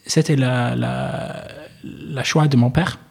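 Halting man with a gravelly voice. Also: mid-range voice, fairly even intonation, darkish tone. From England. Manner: halting, searching for words in a second language. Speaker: interviewee. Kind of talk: casual interview answers.

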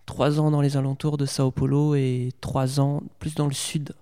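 A man's voice: medium pitch, little pitch movement, normal speed, mellow, clear, resonant tone, big-room sound. A young man from Portugal, answering interview questions hesitantly with many fillers and restarts. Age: young adult. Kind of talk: casual interview.

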